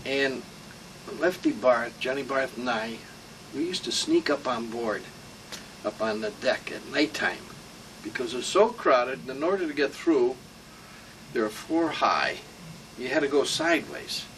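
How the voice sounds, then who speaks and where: A man's voice: mid-range voice, expressive, measured pace, fairly bright tone. An elderly American man, a war veteran, remembering his service in a rambling, salty, informal interview. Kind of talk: informal oral-history reminiscence. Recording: distant mic with room hum.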